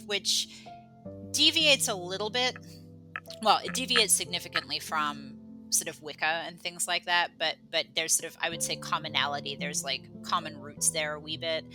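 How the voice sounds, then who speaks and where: A woman's voice: deep voice, animated, moderate pace, bright, forceful tone, faint music behind, poor audio. A woman from England, raised in Australia, chatting as a podcast guest in a rambling, self-deprecating way with lots of fillers and restarts. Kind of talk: casual conversational interview.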